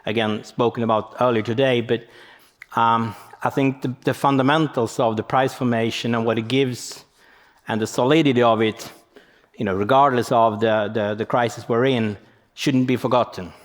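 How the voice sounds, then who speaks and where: A man's voice: medium pitch, steady tone, moderate pace. Man presenting in a reverberant hall. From Sweden. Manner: explanatory, thinking aloud. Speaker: conference speaker. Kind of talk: conference presentation. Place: conference venue hall.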